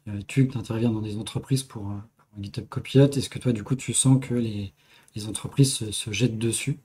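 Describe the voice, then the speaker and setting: A man's voice: lowish voice, steady tone, a little fast, dark tone, slightly rough. A man hosting a casual tech podcast panel, asking questions and passing the turn to each guest. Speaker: podcast host.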